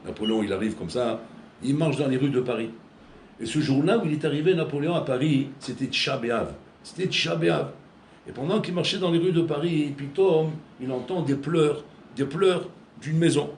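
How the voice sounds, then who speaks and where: A man's voice: on the high side, a little fast, a little mellow. Guy giving a sermon, stumbles and repeats words a lot, echoey room with faint noise behind. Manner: storytelling, repeats words while searching, keeps addressing listeners. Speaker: rabbi.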